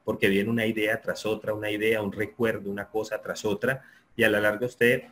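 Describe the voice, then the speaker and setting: A man giving an online lecture, explaining in a steady, repetitive way and often checking that listeners agree. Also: on the low side, a little fast, slight background noise. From Colombia. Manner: explanatory, repeats himself, asks listeners for agreement. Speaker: sports psychology lecturer.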